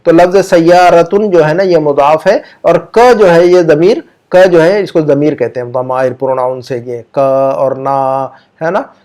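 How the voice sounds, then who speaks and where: A man with an Urdu-speaking accent teaching an online grammar lesson. He explains patiently, repeats example sentences slowly and puts questions to his students. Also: fairly high pitch, a little mellow.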